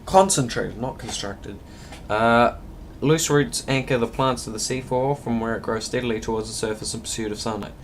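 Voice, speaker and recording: Muttering to himself at a moderate pace with few pauses, a man with a medium-pitched voice plays a video game and reads its text aloud, stumbling now and then in his casual commentary. A background hum makes the recording noticeably noisy.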